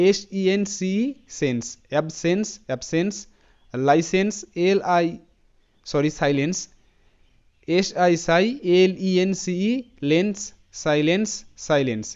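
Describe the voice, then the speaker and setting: High, clear-voiced male English teacher. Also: a little mellow, highs cut off. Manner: spells words letter by letter and repeats them slowly; addresses students directly with frequent "thik ache" checks. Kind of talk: spoken classroom lesson.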